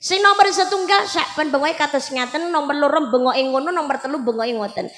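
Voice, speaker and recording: A woman preacher with a Javanese accent, telling a humorous sermon story in a lively way at a live gathering. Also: sits high, brisk. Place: large hall at a live religious gathering. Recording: echoey hall with faint music.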